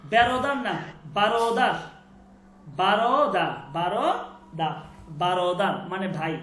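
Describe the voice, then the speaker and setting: A woman teaching a Persian class who says each word again and again slowly and keeps quizzing her students. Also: a little high, lively intonation, roomy sound, a little hiss or hum. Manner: drills words by repeating them slowly, quizzes students. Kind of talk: online class lesson.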